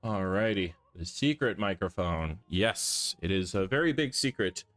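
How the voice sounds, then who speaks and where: Unhurried tired man chatting on stream. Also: deep voice, expressive, a bit bright, soft background music. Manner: chatty, thinks aloud while drawing. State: tired, voice a bit off. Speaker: art streamer. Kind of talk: casual live-stream chat.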